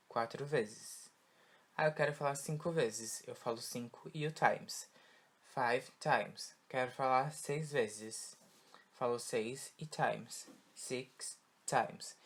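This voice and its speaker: Slow-drilling Brazilian English teacher man. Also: medium pitch. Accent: Brazilian Portuguese. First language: Portuguese. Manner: slow, repetitive drilling with frequent "tá?" checks. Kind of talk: online class for Portuguese-speaking students.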